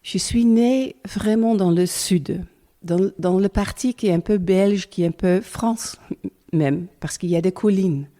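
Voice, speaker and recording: A woman's voice: medium pitch, a little slow, mellow. A middle-aged Dutch woman speaking French with a Dutch accent as a guest, hesitant and searching for words with many fillers. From Netherlands. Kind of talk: casual interview chat.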